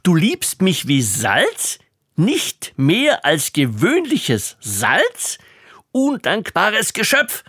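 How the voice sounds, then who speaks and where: A man voicing a hot-tempered old king in a fairy tale, blustering and shouting with outrage. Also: fairly high pitch, huge pitch swings, drawn-out words, husky, no echo, studio quality, full character voice. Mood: outraged.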